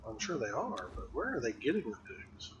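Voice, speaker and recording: Playful man streaming a game, animated. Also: mid-range voice, normal speed, background noise. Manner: playful, joking. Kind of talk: casual gameplay chat.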